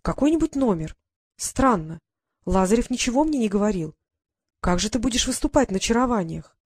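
A woman voicing a bossy, lively young fairy girl in an audiobook, with a brisk manner. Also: fairly high pitch, husky, no echo, clean studio sound. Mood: curious.

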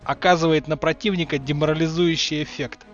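A man's voice: fairly high pitch, fairly even intonation, a little fast, muffled recording, faint music behind, lightly acted. A man voicing a cheeky, flippant teenage boy wizard who mocks his enemies. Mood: cocky, mocking. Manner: sarcastic, flippant.

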